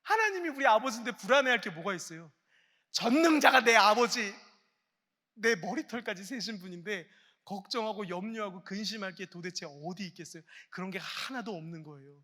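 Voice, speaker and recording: A man preaching to a congregation in a large church sanctuary, speaking into a pulpit microphone. His voice sits high and sounds bright and sharp. He swings between hushed, almost whispered lines and loud, exclaiming calls, and a long reverb hangs behind every phrase. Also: lively intonation, fast talker. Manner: earnest and encouraging, speaking directly to the congregation. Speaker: guest pastor preaching. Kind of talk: sermon at a Friday night prayer meeting.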